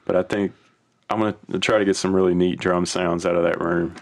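Chill guy on a podcast, kinda low voice, rambles n restarts a lot. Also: brisk. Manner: rambling and relaxed, with frequent restarts. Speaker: podcast guest, home-recording musician. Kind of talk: casual chat.

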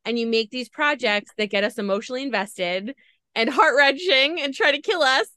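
A woman's voice: high-pitched, normal speed, sharp tone, dry recording. A woman hosting a podcast interview, talking in a gushing, effusive way. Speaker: podcast host. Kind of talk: emotional interview chat.

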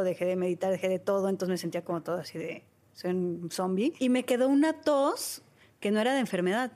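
A woman in her thirties with a Mexican Spanish accent hosts a podcast, her mid-range voice a little mellow. In casual conversation, she tells a personal story candidly, using lots of fillers.

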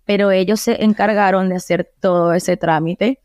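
A young woman with a Caracas accent talks through her story as a guest in a relaxed interview. She is chatty and animated, slipping English phrases into her Spanish, and sits at a middle pitch for a woman in a dry, close recording. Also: moderate pace, dry recording. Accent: Venezuelan, Caracas. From Venezuela. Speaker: guest singer. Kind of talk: casual interview chat.

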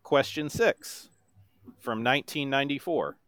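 Man, podcast quizmaster, flat deadpan delivery, dry close-miked sound. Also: mid-range voice, dry recording. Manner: reads lyrics in a deliberate monotone. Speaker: quiz host.

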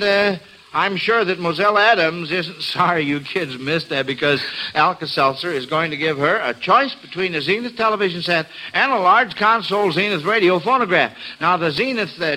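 A man with an American accent and a slightly high, bright, pushed voice hosts a classic radio quiz show at normal speed, offering folksy, chatty patter to kids and listeners. It's mid-century-style radio hosting, partly scripted and partly ad-libbed, heard through poor audio.

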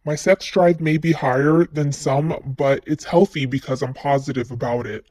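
A man with a disguised voice, played back from a voicemail, calmly and frankly reading a personal confession. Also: a little high, normal speed, dry recording. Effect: disguised voice, masked by a voice changer. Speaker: listener leaving a voicemail.

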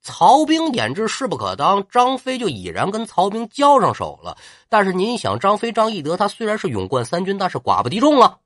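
A man telling a traditional pingshu story, lively and chatty, with asides to the listener. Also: high-pitched, a little fast, few pauses, dry recording, studio quality.

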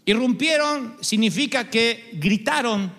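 A man preaching a sermon as pastor, an expressive storyteller who acts out the dialogue. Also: extremely high pitch, slow pace. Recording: long hall reverb.

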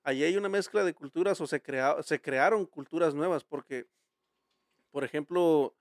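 A man's voice: fairly high pitch, moderate pace, dry recording, clean studio sound. A Mexican man hosting a casual podcast chat, telling rambling, slang-filled stories with many restarts. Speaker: podcast host.

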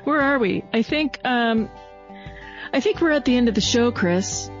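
A woman's voice: a little high, lively intonation. Giggly woman on a dull lo-fi line. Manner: giggly, quick to laugh and agree. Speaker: podcast co-host. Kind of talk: casual chat. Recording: dull lo-fi sound with faint music.

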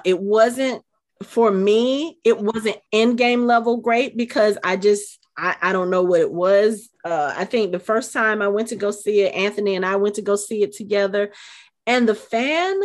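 A middle-aged woman co-hosts a casual podcast in a middle-pitched voice. She gushes with emotion and keeps restarting her sentences with fillers. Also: measured pace. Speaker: podcast co-host.

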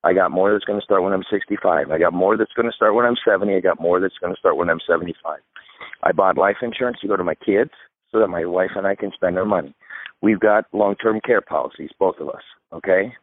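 A man's voice: low-pitched, fast, no echo. A man in his fifties, a retirement expert guest, giving emphatic step-by-step advice in a radio interview. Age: 50s. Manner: emphatic, instructive, lays out steps. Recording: dry tinny phone line.

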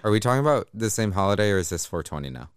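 A man's voice: lowish voice, sing-song, racing, clean tone, no echo. Man, casual chat, playful, teasing, dry sound.

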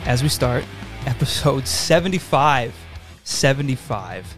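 A man's voice: mid-range voice, lively intonation, measured pace, soft background music. A man hosting a podcast in a studio, chatting loosely with guests, joking and swearing freely. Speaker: podcast host. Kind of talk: casual podcast chat.

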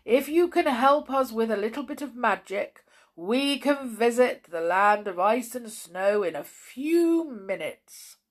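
A woman reading aloud and voicing a kindly father bear who explains things gently. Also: fairly high pitch, lively intonation, unhurried, pitched above the performer's own voice. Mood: reassuring.

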